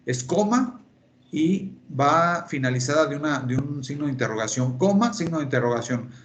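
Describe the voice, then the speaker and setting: A man's voice: a little high, lively intonation, moderate pace, a little hiss or hum. A male English teacher giving an online class, explaining step by step and repeating key terms over a computer microphone. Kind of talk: online class lecture in Spanish. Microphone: computer mic on a video call.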